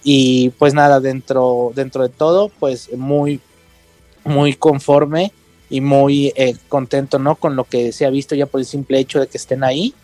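A man's voice: medium pitch, flat delivery, measured pace, a little mellow, no echo, faint music behind. A man, a podcast guest talking casually and hesitantly, full of fillers. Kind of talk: casual interview chat.

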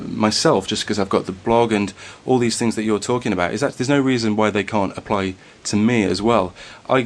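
A man from northern England hosting a podcast, speaking hesitantly with many restarts but enunciating carefully. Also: lowish voice. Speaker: podcast host. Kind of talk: casual podcast interview.

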